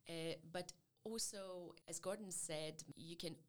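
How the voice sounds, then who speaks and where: In an interview about studying at university, a psychology lecturer from Poland talks slowly in a fairly low voice. She has a Polish accent and chooses her words carefully, with many hesitations.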